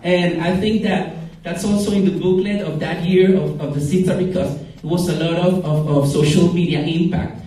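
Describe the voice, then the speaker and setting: Speaking at a startup summit, this forties-aged founder from Costa Rica shares his personal story informally, pausing and repeating words to stress points, in a Costa Rican Spanish accent. His voice sits high and sounds mellow, with fairly even intonation. The event room is very echoey, and the mic is placed far from him.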